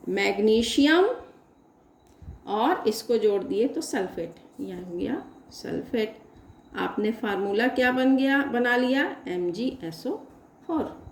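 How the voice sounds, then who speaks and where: Slow-paced woman teaching chemistry. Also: high-pitched, roomy sound. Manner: slow, questioning, answers her own questions. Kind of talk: classroom lecture at a board.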